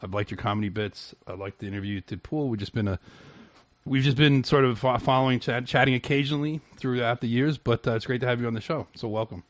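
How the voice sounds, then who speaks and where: A man's voice: medium pitch, fairly even intonation, no room sound. Rambling man host, dry close mic. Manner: rambling, halting, with frequent restarts and laughter. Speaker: podcast host. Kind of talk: casual interview chat.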